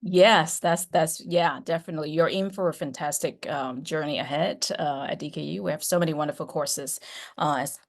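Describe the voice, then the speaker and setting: A woman's voice: low-pitched, fairly even intonation, moderate pace. A middle-aged woman professor on a video call, talking chattily with many fillers and restarts. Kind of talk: online class introduction.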